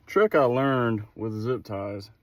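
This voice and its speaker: A medium-pitched man takes his time as he vlogs a DIY car project, musing aloud while he works in an easygoing, folksy style. He's outside at a vehicle in some wind, and the recording is noisy with outdoor ambience.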